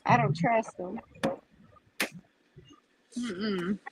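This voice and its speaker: A woman's voice: mid-range voice, very slow, background noise. A woman, chatting casually in an outspoken, slangy way. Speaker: beginner moonshiner. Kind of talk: casual chat.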